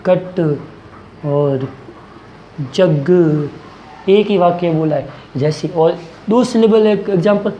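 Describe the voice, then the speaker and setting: Coaching-class teacher, warm relaxed tone, question-and-answer drilling, echoey room. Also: medium pitch, a little hiss or hum. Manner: asks questions and answers them, repeating key words. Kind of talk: classroom grammar lesson.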